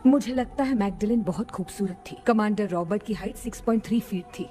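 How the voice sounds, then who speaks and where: An actress dubbing a kindly, gentle aunt who talks in an unhurried, storytelling way. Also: female voice, medium pitch, soft background music, lightly acted. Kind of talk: Hindi film dubbing.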